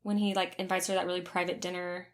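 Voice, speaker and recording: Casting: quick, jokey woman co-host, rapid delivery. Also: on the low side, level tone. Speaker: podcast co-host. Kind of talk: casual chat.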